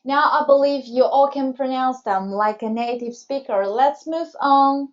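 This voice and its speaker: In a scripted beginner language lesson given in English, a female Chinese teacher speaks very unhurriedly in a touch-high voice. Her delivery is clear and encouraging, and the audio is rather dull and lo-fi.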